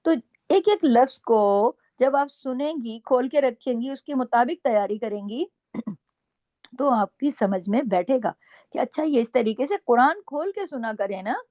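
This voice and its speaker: A woman teaching Quran recitation rules, alternating slow drawn-out recited examples with brisk explanations and frequent "okay?" checks. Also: fairly high pitch, expressive, no room sound. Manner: repeats checks like "okay?" and scolds gently. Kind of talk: tajweed lesson with recited examples.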